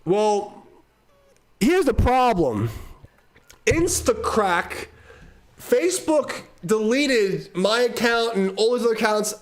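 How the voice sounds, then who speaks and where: A man's voice: high voice, animated, takes it slowly, long pauses. A middle-aged man from Brooklyn, telling a rambling story on a live stream, swearing freely and laughing between words. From Brooklyn, New York. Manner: laughs often mid-sentence, heavy swearing, repeats words as he talks.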